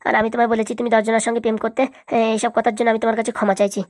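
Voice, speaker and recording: A woman's voice: on the high side, little pitch movement, rapid-fire, darkish tone, voice pushed up, natural voice. A woman voicing a young husband earnestly begging his wife's forgiveness in a cartoon. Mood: apologetic. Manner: pleading, earnest. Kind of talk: cartoon voice acting.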